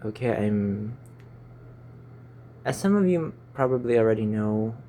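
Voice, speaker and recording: His voice is lowish and dark, with lively intonation and a measured pace, and a little hiss or hum runs underneath. He's a Filipino YouTuber in his twenties, rambling casually and stumbling over words on a phone recording in a small stuffy room.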